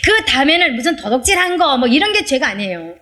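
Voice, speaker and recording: A woman's voice: very animated, quick pace, bright, forceful tone. Earnest woman pastor giving testimony. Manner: earnest, emotional storytelling with shifting pitch. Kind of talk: testimony sermon.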